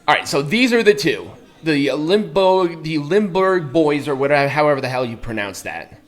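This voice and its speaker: A man's voice: on the high side, lively intonation, moderate pace. A man chatting casually as a co-host, explaining things in a rambling way with crude slang and free swearing. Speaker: podcast co-host explaining a clip. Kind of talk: casual chat and reaction commentary.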